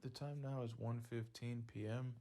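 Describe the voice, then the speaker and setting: Gravelly man leaving a slow voicemail. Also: medium pitch, steady tone, warm tone. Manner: slow and deliberate, spelling out details. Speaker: caller seeking a lawyer.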